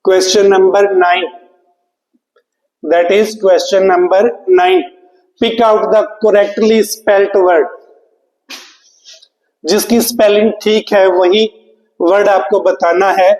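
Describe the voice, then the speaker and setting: A man's voice: sits high, very slow, long pauses, a little mellow, echoey room, in a large hall, poor audio. A man teaching English spelling to exam students, spelling words out letter by letter and asking the class questions he then answers himself. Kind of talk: exam prep lecture.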